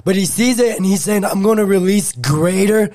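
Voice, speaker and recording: A man preaching revival in short, forceful, emphatic statements. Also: high voice, moderate pace.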